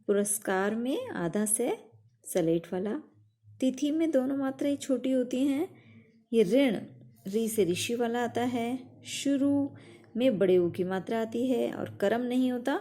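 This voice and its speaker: Mellow-voiced woman teaching grammar. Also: on the high side. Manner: patient, slow and emphatic on examples. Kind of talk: explaining grammar to children.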